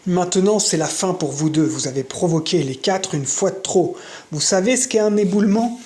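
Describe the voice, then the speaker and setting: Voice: mid-range voice, moderate pace, darkish tone, a little hiss or hum, lightly acted. Reader voicing a cold menacing American gangster. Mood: cold menace. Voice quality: cold, threatening, curt. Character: cold menacing American man, gang leader.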